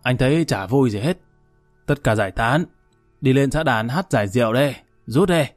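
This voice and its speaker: A man's voice: mid-range voice, animated, normal speed, no room sound, faint music behind, natural voice. A man voicing the oldest, tipsy man of a gang who dismissively calls everyone to leave.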